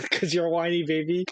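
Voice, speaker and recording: A man's voice: fairly high pitch, pushed and bright, no echo, rough recording. A man live-streaming a game, teasing and mocking another player while laughing often. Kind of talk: live-streamed gaming chat.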